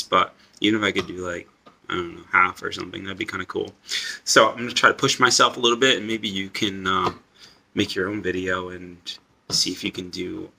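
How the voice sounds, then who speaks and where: A man's voice: fairly low pitch, creaky, pushed and bright. A man in his twenties chatting casually to camera in a homemade vlog. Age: 20s. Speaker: teacher doing a fitness challenge video. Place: carpeted living room, indoors. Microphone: phone on the floor close by. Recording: faint background noise.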